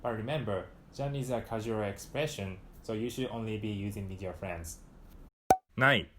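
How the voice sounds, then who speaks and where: A young Japanese man with a Japanese accent teaches a calm, scripted lesson to camera, his voice on the low side. He delivers the Japanese example phrases louder and faster. A lapel mic in a small room picks him up, along with a little hiss or hum.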